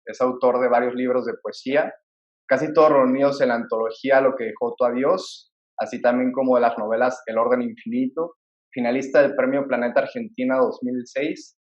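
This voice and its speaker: Male podcast host, earnest, roomy lo-fi recording. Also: medium pitch. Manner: earnest and admiring, reads introductions. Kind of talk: podcast interview hosting.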